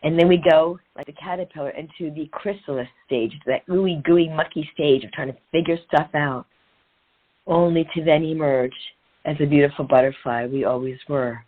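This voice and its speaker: This middle-aged woman, a transformational and women's empowerment coach, speaks at a normal speed in a voice that sits low. As an interview guest she's earnest and inspirational, repeating phrases for emphasis in motivational storytelling, heard through a narrow, phone-like recording.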